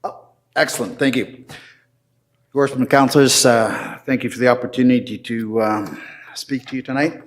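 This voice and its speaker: An older man addressing a city council, presenting his case formally with slow, deliberate emphasis. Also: medium pitch, steady tone.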